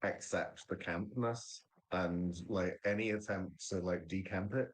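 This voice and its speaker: Playful low-voiced man, rambling. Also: unhurried, husky, poor audio. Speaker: guest host. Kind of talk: casual sports podcast chat.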